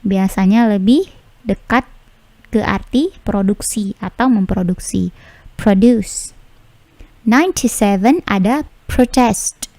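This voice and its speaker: A woman teaching English vocabulary in a careful, deliberate way, repeating each word slowly. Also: medium pitch, darkish tone, no room sound. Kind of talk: slow vocabulary lesson.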